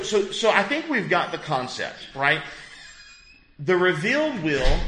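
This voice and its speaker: Man in his fifties teaching a bible class, chatty, asks the group stuff, kind of high voice, roomy echo. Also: pushed and bright. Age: 50s. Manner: conversational, asks the group questions, chuckles. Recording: echoey room.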